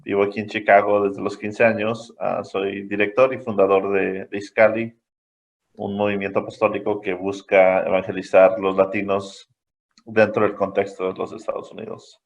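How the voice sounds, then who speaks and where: A man's voice: fairly low pitch, little pitch movement, normal speed, gravelly. A man from Mexico, giving a brief, upbeat introduction over a video call. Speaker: founder of a lay movement.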